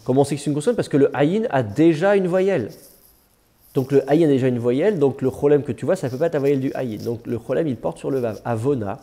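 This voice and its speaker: A man lecturing to a small class in a relaxed, mellow voice. He walks students through the text step by step and patiently corrects their pronunciation as they read. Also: mid-range voice, fast. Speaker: teacher of biblical Hebrew.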